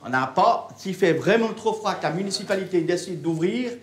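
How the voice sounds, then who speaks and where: A man's voice: sits high, lively intonation, fairly quick. An older man working as a shelter night watchman, talking bluntly and scolding his coworkers in a basement kitchen, full of fillers. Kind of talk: unscripted documentary conversation. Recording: echoey tiled room.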